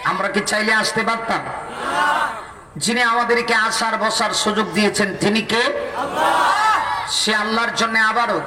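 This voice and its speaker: A man from Bangladesh preaching a fiery sermon at an outdoor religious gathering, calling out to the crowd for answers and building to near-shouting peaks. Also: sits high, steady tone, measured pace, long pauses, very noisy. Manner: rousing, calls out to the crowd for replies; rises to near-shouting climaxes. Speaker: Islamic preacher. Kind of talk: fiery open-air sermon. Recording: echoey public address from a distance.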